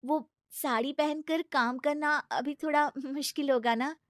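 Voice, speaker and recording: A woman's voice: sits high, fairly even intonation, measured pace, dry recording, studio quality, voice pushed up. A woman voicing an earnest young modern bride in a cartoon story, speaking frankly with a slightly plaintive tone.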